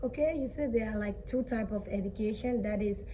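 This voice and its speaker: A woman's voice: mid-range voice, brisk, warm tone, a little hiss or hum, low-quality recording. A woman hosting a studio interview show, asking questions in a friendly, encouraging way. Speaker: host.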